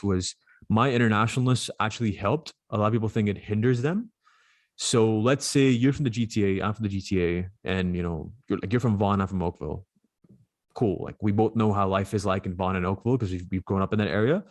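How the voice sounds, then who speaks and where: A young man in his twenties from Dubai, a podcast guest talking casually and quickly with plenty of fillers. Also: lowish voice, no echo, studio quality. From Dubai, UAE. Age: 20s. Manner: rapid, chatty, frequent fillers. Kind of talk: casual interview conversation.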